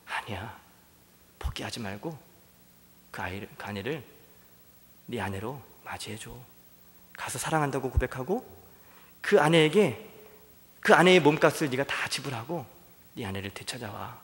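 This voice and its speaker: A man preaching in Korean, voicing God as a gentle, tender voice speaking softly to his servant, close to a whisper at times. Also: mid-range voice, lively intonation, lightly acted. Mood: pleading. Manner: hushed, soft and slow, sometimes near a whisper. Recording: long church-hall reverb.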